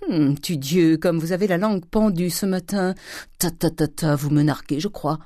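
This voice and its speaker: A woman reading aloud voicing a tyrannical, miserly old father who scolds and blusters in a raised, loud voice. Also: fairly low pitch, normal speed, no room sound, studio quality, close to an everyday voice. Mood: blustering.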